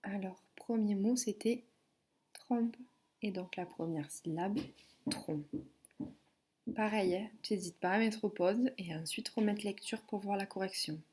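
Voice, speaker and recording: A woman teacher giving a phonics and spelling lesson to a child, dictating syllables slowly and clearly. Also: medium pitch, a little mellow. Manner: slow, clearly articulated dictation.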